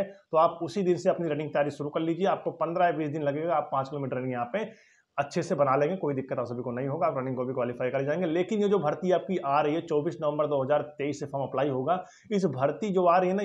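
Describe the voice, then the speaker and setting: A man talks quickly and keeps encouraging his viewers. His voice sits fairly high, and he keeps tacking a quick "okay" onto his points. The recording sounds dull and lo-fi. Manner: encouraging, fills lines with "ठीक है". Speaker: exam coaching YouTuber. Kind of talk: advice talk to viewers.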